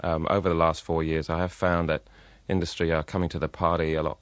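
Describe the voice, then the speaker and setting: A man with a very low voice, guesting as a design lecturer on a radio show. He speaks in halting bursts, padded with uh and um. The sound is dry and close. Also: level tone, dry recording. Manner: hesitant, many uh and um fillers, uneven pace. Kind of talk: radio interview answers. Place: radio studio.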